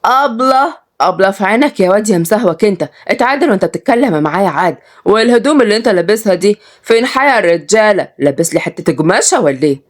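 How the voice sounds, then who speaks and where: Fierce young Upper Egyptian nanny with a sharp tongue and a raised voice, as a woman storyteller does her. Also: mid-range voice, animated, fast, close to an everyday voice. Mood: scolding. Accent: Upper Egyptian Arabic. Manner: blunt, scolding, sharp-tongued.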